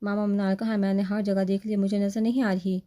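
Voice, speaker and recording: A woman's voice: medium pitch, level tone, warm tone, lightly acted. A woman voicing a possessive, impatient young husband in a storybook reading, in a demanding tone. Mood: insistent. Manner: insistent, demanding.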